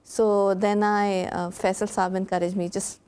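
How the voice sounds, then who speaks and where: A woman with a Pakistani accent, a guest engineer chatting in a talk show interview and recounting things in a halting, conversational way. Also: mid-range voice, little pitch movement, a little mellow, smooth.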